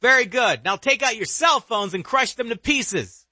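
A man voicing a gloating, high-pitched killer. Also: lively intonation, moderate pace, sharp tone, dry recording, full character voice. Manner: gloating, taunting. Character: menacing male killer taunting from the dark.

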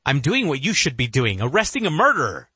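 A man's voice: medium pitch, huge pitch swings, brisk, pushed and bright, breathy edge, no room sound, pitched above the performer's own voice, heavily acted. A man doing a stiff young agent. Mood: firm. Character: young male agent, dutiful subordinate.

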